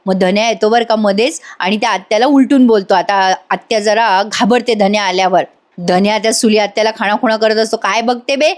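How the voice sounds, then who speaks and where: A woman's voice: mid-range voice, steady tone, a little fast. A woman narrating a voice-over review, chatty and opinionated as she retells a TV serial episode.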